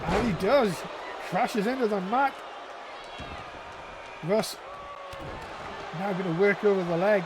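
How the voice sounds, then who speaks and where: A man doing live play-by-play as a wrestling commentator, in an excitable, exclaiming manner. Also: high-pitched, takes it slowly, long pauses. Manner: excitable, exclaiming at big moves. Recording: noisy event audio with crowd behind. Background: crowd noise.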